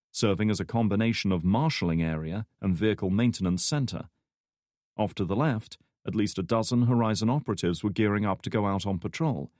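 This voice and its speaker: A man with a low voice narrates a thriller audiobook in a steady, measured way. The recording is dry and close, with no room sound. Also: no room sound. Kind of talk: scripted narration.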